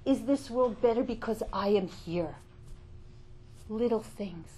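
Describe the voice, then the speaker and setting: Middle-aged woman, religious speaker, a touch high-pitched, fervent and then hushed in turn. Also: breathy edge, rough recording. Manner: impassioned, swings from loud calls to hushed, slow reflection. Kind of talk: inspirational Torah talk.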